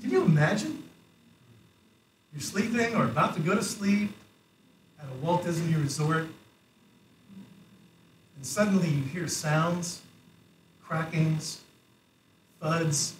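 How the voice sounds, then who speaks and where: A man's voice: fairly high pitch, expressive, slow, long pauses. A man filling in as guest preacher, telling a story in a conversational way with fillers, away from the mic in a church. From United States. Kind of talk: sermon. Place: church sanctuary. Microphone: far from the mic. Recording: echoey church room, mic far off, faint hiss.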